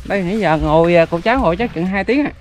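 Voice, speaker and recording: A man's voice: sits high, expressive, rapid-fire, faint music behind. A man with a Southern Vietnamese accent, chatting casually to viewers in a rural fishing vlog, talking outdoors by a canal. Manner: chatty, laughing, addresses viewers. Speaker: vlogger.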